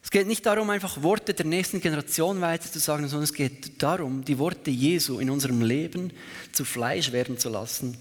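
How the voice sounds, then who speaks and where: A man with a fairly high voice delivers an earnest sermon, pressing his points with rhetorical questions. His words ring out with a long reverb, as in a large church hall. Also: fairly quick. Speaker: preacher.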